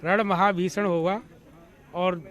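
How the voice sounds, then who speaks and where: A man's voice: high-pitched, level tone, slow, fairly bright tone. A man, a party supporter, speaking fiery slogans in an interview.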